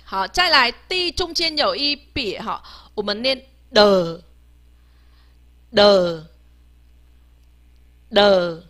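A woman teaching a beginner language lesson, patiently sounding out each letter slowly, three times over, and ending her phrases with a soft "ha". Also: high voice, sing-song. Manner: ends phrases with a soft "ha" tag.

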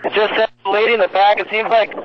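Male air unit observer heard over a police radio, steady, hesitant, with dull lo-fi audio. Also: high voice, fast. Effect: police radio transmission. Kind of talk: radio call-outs directing ground units. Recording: muffled radio with faint static.

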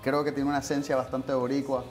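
A young Puerto Rican man speaks in a relaxed, hesitant way, full of small fillers. His voice sits at an ordinary middle pitch. Faint music plays softly behind him in a TV studio. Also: fast. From Puerto Rico. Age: 20s. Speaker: musician guest. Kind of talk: casual interview. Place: TV studio set.

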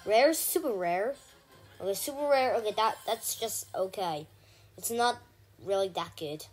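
Excitable woman narrating her gameplay. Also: medium pitch, measured pace, soft background music. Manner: chatty, with frequent ums and excited shouted bursts. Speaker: gaming channel host. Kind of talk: gameplay commentary.

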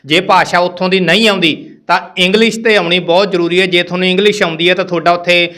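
Man as interviewer, tense bright voice, slightly high, probing questions. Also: steady tone, fast talker. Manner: probing questions with frequent soft acknowledgments. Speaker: interviewer host. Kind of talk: interview questions in casual Punjabi.

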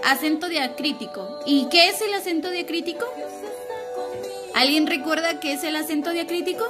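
A young woman teaching a recorded primary school lesson, speaking slowly and clearly and asking the children questions. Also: high voice, over loud music. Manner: patient, slow and clear, asking the class questions.

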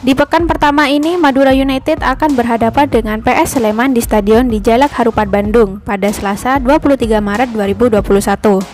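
Female news voice-over, fairly high pitch, scripted sports report, soft music underneath. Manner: even, read-aloud delivery.

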